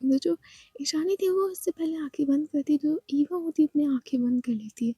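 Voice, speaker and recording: A woman narrating a romance story in a soft, hushed whisper. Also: sits high, normal speed, dry recording.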